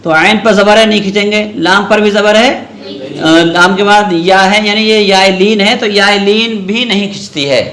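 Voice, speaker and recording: A male Quran recitation teacher with a high, bright voice leads a classroom lesson, asking questions and repeating the answers back. He draws the sounds out slowly when he demonstrates them. The room rings with echo. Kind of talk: classroom tajweed lesson with call-and-response.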